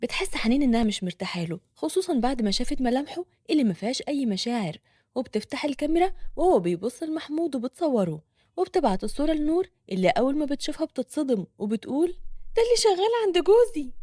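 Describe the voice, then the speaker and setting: Egyptian female narrator, brisk dramatic storytelling, quick delivery, dry booth sound. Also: high voice, very animated, mellow, husky, no echo.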